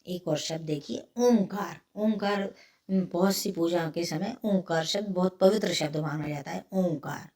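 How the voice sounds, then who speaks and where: A woman's voice: on the low side, normal speed, warm tone, far from the mic. A woman teaching spelling, breaking each word into letters and repeating it. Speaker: Hindi teacher. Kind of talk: slow spelling lesson.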